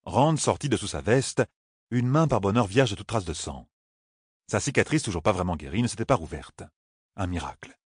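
Low husky guy reading a fantasy audiobook, lively, dry sound. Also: a little fast, dry recording. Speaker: audiobook narrator. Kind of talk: scripted fantasy narration.

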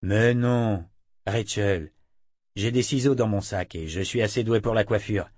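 A man's voice: fairly low pitch, measured pace, darkish tone, no room sound, studio quality. A man voicing a good-humored adult man who jokes playfully, in an audiobook. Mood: teasing. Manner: joking, playful.

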